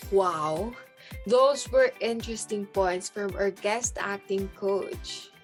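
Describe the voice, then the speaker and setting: A woman's voice: medium pitch, takes it slowly, soft background music. A young woman with a Filipino accent, hosting a talent show in an upbeat, scripted manner. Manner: upbeat, announcing. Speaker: host.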